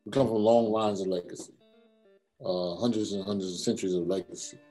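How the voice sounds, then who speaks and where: A man as an interview guest, speaking reflectively with a husky voice and drawn-out phrasing. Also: deep voice, fairly even intonation, warm tone, faint music behind. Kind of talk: casual interview chat.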